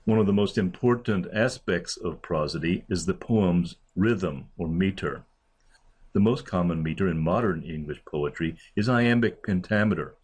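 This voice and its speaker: Deep-voiced man giving a literature lecture. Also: breathy edge. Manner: measured, deliberate reading of verse examples. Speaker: literature professor. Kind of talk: recorded lecture.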